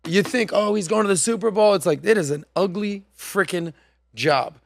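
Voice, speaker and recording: A man in his forties hosting a podcast in a studio, chatting casually and acting out quoted voices with lively gestures. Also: high voice, normal speed, creaky, dry recording. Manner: animated storytelling, acts out quoted voices. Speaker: podcast host. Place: studio set. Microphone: studio mic on boom arm.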